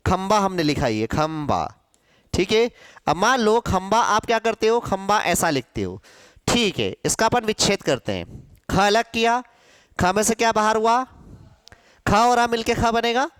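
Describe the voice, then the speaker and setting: A male Hindi teacher giving a grammar lesson to a class, asking questions and answering them himself, sounding out syllables slowly. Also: sits high, expressive, a bit bright, smooth, dry recording, clean studio sound. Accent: Hindi, from central India.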